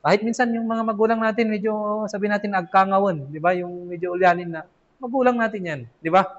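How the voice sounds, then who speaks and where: High-voiced man teaching in a mosque. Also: fast. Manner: conversational, asks "di ba?" often, acts out children's replies. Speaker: imam teaching a weekly class. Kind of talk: casual Islamic lesson. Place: mosque classroom. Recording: dull lo-fi recording.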